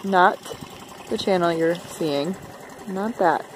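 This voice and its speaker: A woman's voice: lowish voice, slow. Chatty woman vlogging from a noisy sailboat. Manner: chatty, laughing easily, excited. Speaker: sailing vlogger. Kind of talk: casual vlog narration. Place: on a sailboat on a foggy lake and in the cabin. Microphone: handheld action camera at arm's length. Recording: camera audio with wind and water noise.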